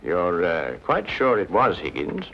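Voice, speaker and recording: An actor playing a brisk, witty Victorian detective who lays out deductions in a cool, teasing, precise way. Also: male voice, low-pitched, huge pitch swings, vocal fry, slight background noise, heavily acted. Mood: amused. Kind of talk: 1950s TV drama acting. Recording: dull 1950s TV soundtrack with music.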